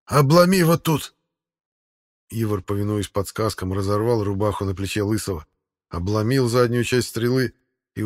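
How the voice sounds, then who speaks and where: A male narrator reads an adventure audiobook in a steady, measured way. His voice sits on the low side.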